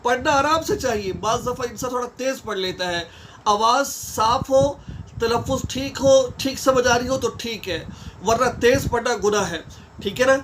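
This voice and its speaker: High-voiced man teaching a religious lesson. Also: animated, fairly bright tone, slight background noise. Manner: explains step by step, often checking "theek hai?"; recites Arabic prayer phrases slowly mid-explanation.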